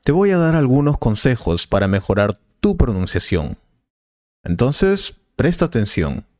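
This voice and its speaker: A man playing a patient Spanish teacher, explaining slowly and calmly in a scripted learner dialogue. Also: medium pitch, dry recording, clean studio sound. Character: patient male professor, helpful and calm.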